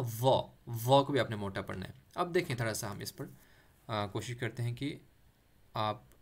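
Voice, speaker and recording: A man teaches the Arabic letters for Quran reading at an unhurried pace. He repeats each letter patiently and stretches out recited phrases. His voice sits in an ordinary middle pitch and drops English words into his teaching. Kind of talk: letter-by-letter tajweed lesson.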